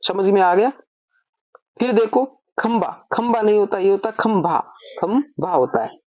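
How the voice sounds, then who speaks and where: A woman's voice: medium pitch, moderate pace, darkish tone, no echo, highs cut off. A woman teaching an online grammar lesson, explaining step by step and asking and answering her own questions.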